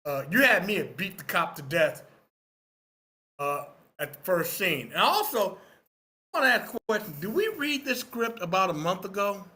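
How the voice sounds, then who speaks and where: A high-voiced man with lively intonation and a pushed, bright sound speaks at normal speed in a screenwriting workshop discussion. He offers opinionated, emphatic critique in an instructive way, hammering his points home through repetition.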